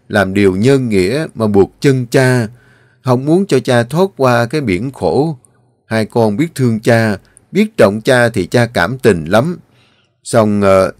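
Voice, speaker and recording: Man voicing an old weary father, gentle, earnest, storybook, dry sound. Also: medium pitch, no room sound, close to an everyday voice.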